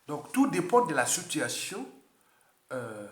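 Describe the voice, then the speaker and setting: Male political commentator, Congolese French accent, animated and repetitive, slightly high-pitched, roomy echo. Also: slow pace. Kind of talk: unscripted political monologue.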